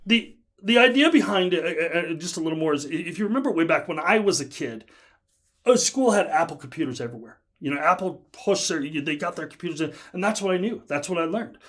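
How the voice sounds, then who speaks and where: A man with a fairly high voice talks as a guest on a podcast. He tells stories with lively energy, laughs a lot and restarts his sentences often. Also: brisk. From United States. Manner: animated storyteller, laughs often, many restarts. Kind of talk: casual podcast chat.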